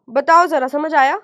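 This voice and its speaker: A woman teacher with a strikingly high voice leads an online lesson. She talks slowly and deliberately on her terms, repeating each question and answering it herself in a coaxing tone. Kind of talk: online class lecture.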